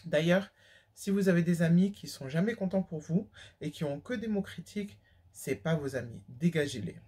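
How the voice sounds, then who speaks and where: A woman's voice: fairly low pitch, normal speed, dark tone, husky. A young woman from France talking candidly to her viewers in a casual vlog, emphatic and full of slang and fillers. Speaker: vlogger. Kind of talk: casual talk to camera.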